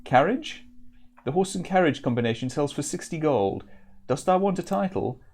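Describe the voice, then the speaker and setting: Man doing a higher-pitched nervous stable caretaker. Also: expressive, normal speed, darkish tone. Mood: businesslike. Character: frightened male stable caretaker, simple working man.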